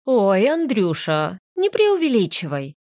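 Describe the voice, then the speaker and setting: A woman's voice: fairly high pitch, lively intonation, measured pace, no room sound, voice pushed up. A woman reading an audiobook, voicing a brazen, manipulative young woman who talks in a coy, whiny, melodramatic way. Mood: coquettish.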